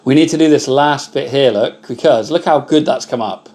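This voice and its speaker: While operating a laser engraver, this loud-voiced man runs a relaxed live stream, talking with his audience and thanking people by name. His voice sits in the mid range and he speaks at a normal pace.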